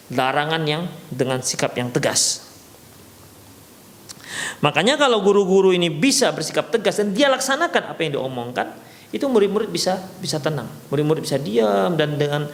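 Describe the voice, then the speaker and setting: A male religious teacher with a Medan Indonesian accent lectures at an unhurried pace, leaning on fillers and reading Arabic passages before putting them into plain words. His voice sits on the higher side and swings widely in pitch. A long reverb trails each phrase, as in a large hall. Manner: explains slowly with many fillers, reads Arabic text then translates; raises his voice sharply when acting out a scolding teacher.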